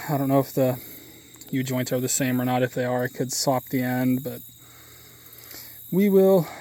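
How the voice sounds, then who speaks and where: A man's voice: mid-range voice, darkish tone. A man giving a casual, folksy repair vlog, thinking aloud as he works. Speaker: vlogger repairing farm machinery.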